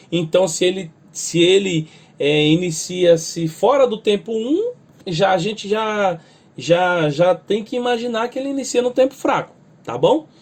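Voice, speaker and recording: A man's voice: high voice, a little mellow. A man with a Brazilian Portuguese accent teaching music theory, explaining step by step and checking in with "tá?" and "né?". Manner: explains step by step, adds "tá?" and "né?" after nearly every phrase; sings or spells out lyrics slowly to show stress. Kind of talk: spoken music lesson.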